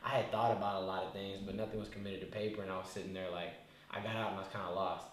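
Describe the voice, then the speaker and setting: A rapper in his twenties, appearing as an interview guest, talks through his story in a laid-back, rambling way with many restarts. His deep voice is level and rapid-fire. The casual, reflective talk is recorded in a very echoey room with faint noise.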